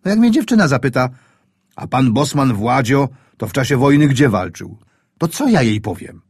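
A man voicing a fretful young navy boatswain, complaining and eager, in a husky, raised voice. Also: medium pitch, big pitch swings, moderate pace, no echo, clean studio sound. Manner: fretful and complaining, shouting in battle.

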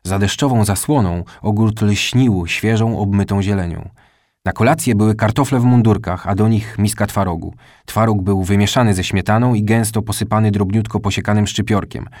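Low, dry-voiced male audiobook narrator. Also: moderate pace, darkish tone, no room sound. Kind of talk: scripted storybook narration.

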